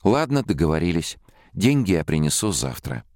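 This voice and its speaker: A man's voice: low-pitched, big pitch swings, normal speed, darkish tone, dry recording, clean studio sound, voice pushed up. A man voicing a pushy, brash woman neighbor who haggles, in an audiobook. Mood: haggling. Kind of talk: audiobook character voice.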